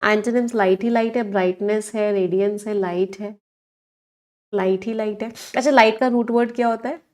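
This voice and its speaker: A woman teacher gives an exam-prep vocabulary lesson, explaining words in a mix of Hindi and English and quizzing the class. Her mid-range voice is steady and darkish, at a moderate pace.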